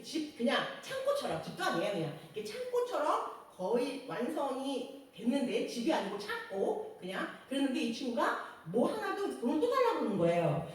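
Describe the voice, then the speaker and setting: A woman sharing a church testimony, telling her story in a lively way, acting out quotes and laughing often. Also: on the high side. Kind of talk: personal testimony. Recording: echoey room, distant mic, faint noise.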